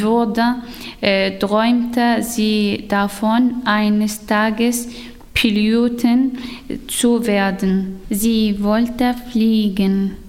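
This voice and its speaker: Hesitant woman from Syria reading slowly. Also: a little high, darkish tone, smooth, big-room sound. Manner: hesitant, with fillers and restarts. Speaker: language course participant. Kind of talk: reading a short story aloud.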